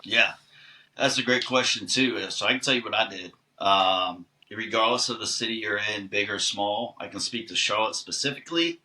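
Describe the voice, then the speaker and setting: A male actor talks easily and at length as a podcast guest. His voice sits low but rings very bright and forceful. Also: moderate pace, low-quality recording. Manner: relaxed and chatty, long-winded answers. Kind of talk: casual podcast conversation.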